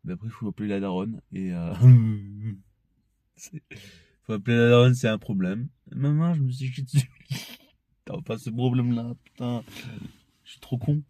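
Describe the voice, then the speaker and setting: A man's voice: medium pitch, fairly even intonation, moderate pace, long pauses, dark tone. A young man with an ordinary mid-range voice talks through a loose, rambling monologue. He swears freely and laughs between thoughts, and at times he heats up into ranting. The recording sounds dry and close, with no room echo. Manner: rambling, profane, laughs often, shifts into heated ranting. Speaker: vlogger.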